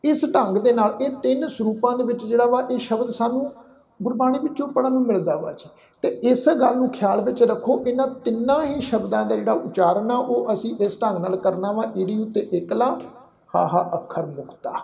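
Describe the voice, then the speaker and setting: A man with a Punjabi accent patiently teaching Gurbani pronunciation, explaining slowly and politely, then chanting verse lines drawn out. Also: very high-pitched, creaky, a little mellow. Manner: addresses listeners politely as "ji". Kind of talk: scripture recitation lesson.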